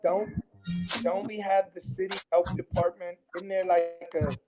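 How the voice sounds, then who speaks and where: A man chatting casually as a show guest, speaking haltingly and repeating words as he searches for the next one. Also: high voice, level tone, music in the background. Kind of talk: casual chat.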